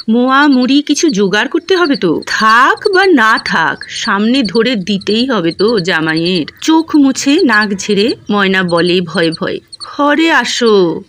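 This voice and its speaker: Slow, measured woman storyteller. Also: medium pitch, a bit bright, slight background noise. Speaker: audiobook narrator. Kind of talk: audiobook story narration.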